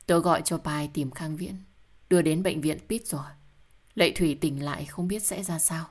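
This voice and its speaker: A woman voicing a worried middle-aged husband and father who talks calmly and soothingly. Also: sits low, normal speed. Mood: steady.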